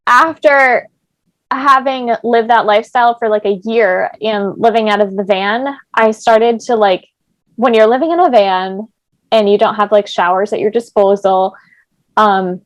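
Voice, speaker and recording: With a steady tone and a slightly slow pace, a young female podcast host talks casually in a mid-range voice, recorded with no echo. Her chatter is heavily sprinkled with "like."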